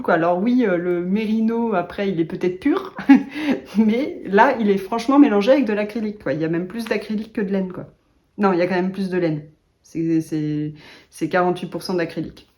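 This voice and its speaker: A woman's voice: mid-range voice, a little mellow. Chatty self-mocking woman knitter. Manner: chatty and self-mocking, laughs often, many hesitations. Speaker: yarn shop owner and knitter. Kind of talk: casual knitting vlog chat.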